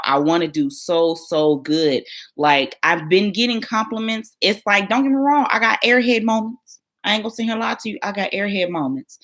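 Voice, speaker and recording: A woman's voice: low-pitched, fairly bright tone. A young woman, chatting casually on a livestream as a new surgical tech, talking straight to her viewers and laughing often.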